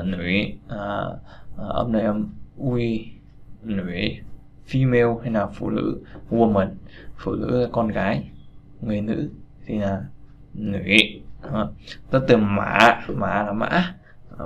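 Gravelly-voiced man teaching a casual lesson. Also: lowish voice. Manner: hesitant, many fillers, repeats words. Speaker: Chinese language teacher. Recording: dull lo-fi recording with faint noise.

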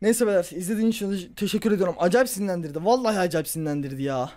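Gaming YouTuber, male, high-pitched voice, furious ranting let's-play commentary. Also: racing, a little hiss or hum. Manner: furious ranting and yelling at an opponent; muttering and grumbling after the game.

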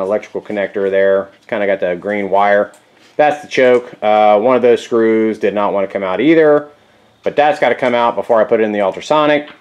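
Casual male garage vlogger, lower voice, easygoing and rambling to camera. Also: darkish tone, dull audio. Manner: rambling, laid-back, many fillers and restarts. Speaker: garage vlogger fixing scooters. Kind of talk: casual workshop talk to camera. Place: home garage.

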